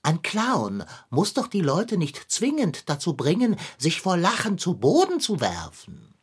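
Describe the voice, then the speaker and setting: A woman's voice: fairly low pitch, huge pitch swings, measured pace, husky, full character voice. A woman voicing a pompous, long-winded philosopher figure in a children's radio play, speaking in a lofty, wordy manner.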